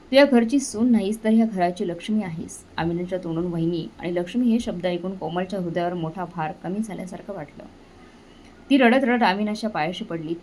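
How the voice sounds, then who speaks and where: Lady reading a drama story out loud, expressive, mellow tone. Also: lowish voice, slight background noise, poor audio. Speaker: narrator. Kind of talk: storybook narration.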